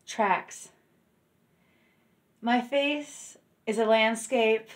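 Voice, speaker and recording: Her voice mid-range and slightly bright, a middle-aged poet gives a dramatic, carefully phrased reading of her own poems. The recording comes from a phone held at arm's length.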